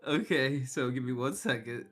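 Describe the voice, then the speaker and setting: A man working as game master, narrating an online tabletop game in a halting, casual, conversational way. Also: mid-range voice, a bit bright. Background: background music.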